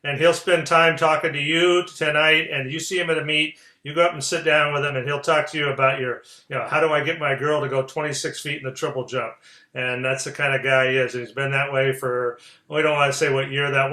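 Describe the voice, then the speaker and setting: A man's voice: on the high side, fairly even intonation, brisk, hardly any pauses, sharp tone. A man hosting a coaching session, giving closing thanks to the guest and the audience. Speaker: session host. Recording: echoey room.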